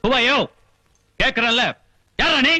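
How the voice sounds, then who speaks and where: An actor playing a drunk, blustering rich father who scolds loudly and mixes Tamil with English in a film comedy scene. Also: very high-pitched, very animated, slow pace, over loud music, heavily acted. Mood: scolding.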